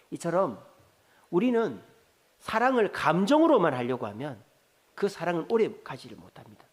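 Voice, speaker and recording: A male pastor delivering a sermon in a high, lively voice. He tells stories, plays out the lines of the people in them, and keeps asking the congregation questions. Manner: storytelling, acts out quoted lines, asks the congregation questions.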